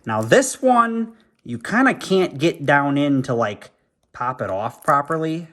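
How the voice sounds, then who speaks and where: A man's voice: a little high, big pitch swings, a little slow, fairly bright tone. A man giving a casual hands-on toy review indoors at home. He talks in a chatty, rambling way and thinks aloud while he works with his hands.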